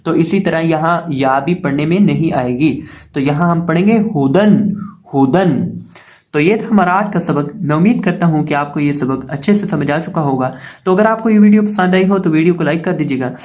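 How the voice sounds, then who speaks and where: High-voiced man teaching Quran syllables. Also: darkish tone. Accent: Urdu. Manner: drills each syllable slowly, then repeats. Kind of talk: slow spelled-out recitation lesson.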